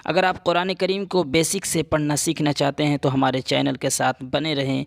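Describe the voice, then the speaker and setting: High gravelly man teaching Quran reading. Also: no echo. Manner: drawn-out syllable-by-syllable recitation between quicker explanations. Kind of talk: spoken lesson, spelling out letters slowly.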